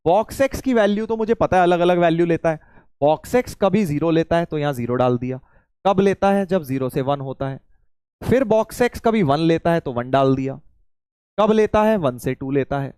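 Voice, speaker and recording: A man teaching maths in a live online class. He teases his students in a playful way and slows right down to spell out each step. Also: a little high, expressive, darkish tone, clean tone, no room sound, studio quality. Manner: playful, teasing, calls students "beta".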